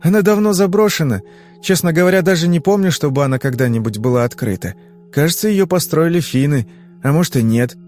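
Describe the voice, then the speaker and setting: Audiobook role: male reader as a nervous businessman dad, pitched up, fussy and eager. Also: expressive, brisk, a little mellow, soft background music, natural voice. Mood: flustered. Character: flustered middle-aged businessman father.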